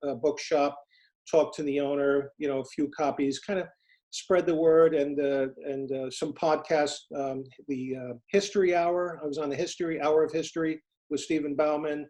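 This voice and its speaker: A middle-aged man from the United States, telling stories as an interview guest in an earnest, halting way with many restarts. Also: on the high side, fairly even intonation, darkish tone. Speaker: interview guest, former FBI agent turned private investigator. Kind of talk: casual interview, storytelling.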